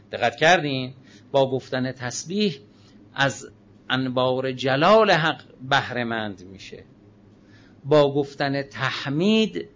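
Male cleric, religious lecture, mid-pitched, slightly dull recording with faint hiss. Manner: swings from emphatic raised phrases to quiet low asides, drawn-out sacred phrases. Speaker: Islamic cleric.

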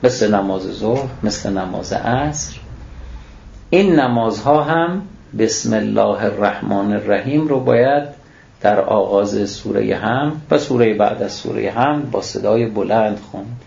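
A man's voice: fairly low pitch, creaky, darkish tone. A man giving a religious lecture on scripture, reciting Arabic phrases and then explaining them, posing rhetorical questions and answering them himself. The recording is echoey and dull.

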